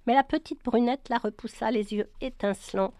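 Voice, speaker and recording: Woman audiobook narrator, steady read, fairly high voice, dry booth. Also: moderate pace, no echo. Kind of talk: storybook narration.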